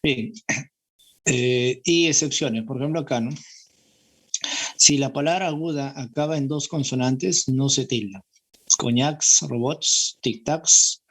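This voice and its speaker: A man with a Peruvian Spanish accent teaching an exam-prep grammar lesson in a classroom, repeating his points and checking in with students. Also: medium pitch. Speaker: language teacher.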